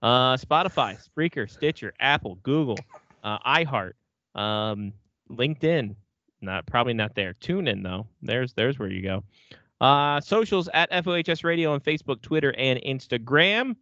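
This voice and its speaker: A man's voice: mid-range voice, expressive, normal speed, sharp tone, dry recording. A man hosts a casual sports podcast in a bro-ish, slangy way, swearing freely. His voice sits in a middle register. The audio is dry and a little dull. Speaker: hockey podcast host. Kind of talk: casual profane sports banter.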